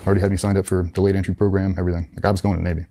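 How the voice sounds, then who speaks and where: A man with a low, mellow voice rattles through his story at a quick clip. He sounds blunt and matter-of-fact, a former Navy SEAL recounting his past as an interview guest. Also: little pitch movement. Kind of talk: casual storytelling.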